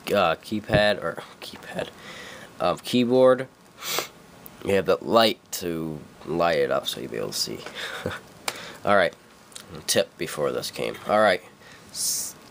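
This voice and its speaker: A young man with a lowish voice and a stuffy cold casually explains a computer tutorial while recording his screen, wandering, correcting himself, and using lots of fillers. He's in a dim room at his computer, with slight background noise in the clip.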